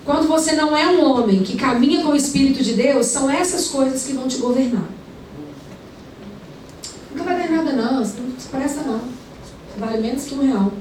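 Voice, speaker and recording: High-voiced woman preaching in an echoey hall. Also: brisk, long pauses. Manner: conversational, rhetorical questions, lively retelling. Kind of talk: sermon with storytelling. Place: large indoor event hall. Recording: echoey hall, mic far away, faint room noise.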